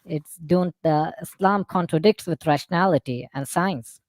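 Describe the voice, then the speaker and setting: A man with an Indian accent speaking through a voice changer that disguises his voice, answering interview questions haltingly and rephrasing as he goes. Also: on the high side, darkish tone, no echo, clean studio sound. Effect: voice changer disguising the real voice. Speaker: interview guest, former student of Islamic preaching.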